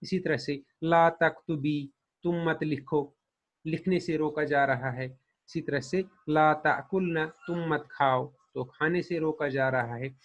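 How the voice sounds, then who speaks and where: A man's voice: on the high side, steady tone, slow, highs cut off. A man teaching grammar patiently, saying each example and then translating it. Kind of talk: explaining a lesson.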